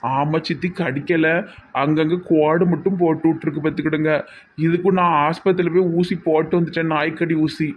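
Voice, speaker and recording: A battered, grumbling young husband played by a man complains in a Tirunelveli accent. His voice is slightly high, on a dull, lo-fi recording with faint hiss. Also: little pitch movement, brisk, close to an everyday voice. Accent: Tirunelveli Tamil. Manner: complaining, sheepish.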